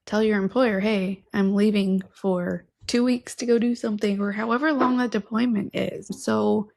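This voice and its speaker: Her voice is medium-pitched, gravelly and a little mellow, keeping a steady tone at a moderate pace. The woman, in her 30s, co-hosts a casual podcast with earnest enthusiasm, dubbing herself a nerd, seated at a stand-mounted studio mic with headphones on in a patterned-wallpaper room.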